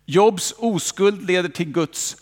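A man preaching a sermon in a church, lively and direct, with rhetorical questions aimed at the congregation. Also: high voice. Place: church hall. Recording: long reverb of a church hall.

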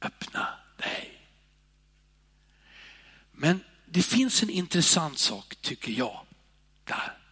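High-voiced preacher in a reverberant church. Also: male voice, breathy edge. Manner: expressive, swings between loud calls and hushed sighing whispers. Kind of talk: sermon.

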